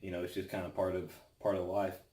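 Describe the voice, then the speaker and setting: A man giving a casual devotional talk and Bible reading, halting and pausing often mid-sentence. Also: low-pitched, monotone, mellow. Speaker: devotional host. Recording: roomy, echoing sound.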